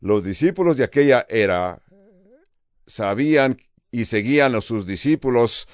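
An older man with a Californian accent preaching a sermon as a pastor, earnest and steady, with pauses and repeated phrases. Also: medium pitch, no echo, clean studio sound. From United States.

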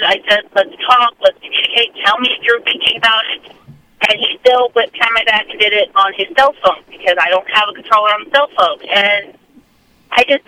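A woman's voice: on the high side, sharp tone. Woman caller on a car Bluetooth line, muffled, faint road noise, hesitant and earnest. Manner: hesitant, earnest, many ums. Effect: muffled Bluetooth phone call from a car. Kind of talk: call-in conversation. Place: in a car while driving. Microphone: car Bluetooth hands-free.

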